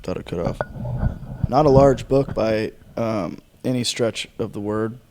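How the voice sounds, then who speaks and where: Worn out young guy swearing through a laid back book chat, warm low-key voice. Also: unhurried. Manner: relaxed, profane, rambling with yawns and sighs. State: tired. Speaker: podcast host. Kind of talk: casual fireside chat about books.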